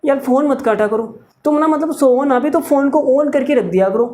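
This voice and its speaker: A man's voice: very high-pitched, brisk, darkish tone. A man voicing a lovesick young man who begs his girlfriend not to hang up the phone. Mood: whiny. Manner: whiny, insistent.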